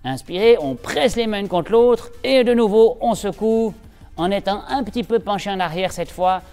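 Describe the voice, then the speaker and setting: A man teaching an aikido class, guiding breathing with calm, steady cues and giving brisk instructions. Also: high-pitched, in a large hall, soft background music. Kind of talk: instructional demonstration.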